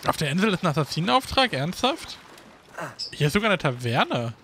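A man giving casual gameplay commentary as a Let's Play host, thinking aloud in a relaxed, chatty way. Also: on the high side, fairly quick, a little hiss or hum.

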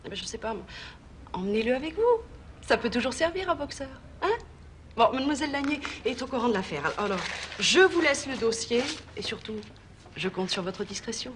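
Une actrice jouant une patronne enjôleuse au débit rapide. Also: female voice, on the high side, animated, background noise, lightly acted. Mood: coaxing. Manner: coaxing, wry. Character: persuasive female agency boss. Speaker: boss of an insurance investigation firm.

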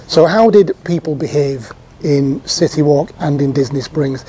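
A man in his fifties talks straight to a fixed camera from a sofa on an outdoor patio, recapping a day out in an easy, rambling way full of ums and restarts. His voice sits a little high for a man, with a husky edge and a mellow, relaxed tone. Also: measured pace. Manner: chatty, with frequent ums and restarts. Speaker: theme park vlogger.

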